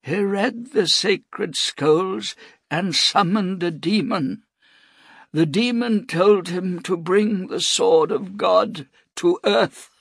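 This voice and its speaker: A frail old priest breathes out his last words in a thin, raised voice, as a male narrator puts him on. The sound is breathy and stretched out slowly, recorded dry and close. It suits a storybook reading. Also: fairly bright tone, no room sound, full character voice. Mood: faint, serene. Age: older. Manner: high, thin, faint and slow. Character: dying old bearded priest, frail and serene.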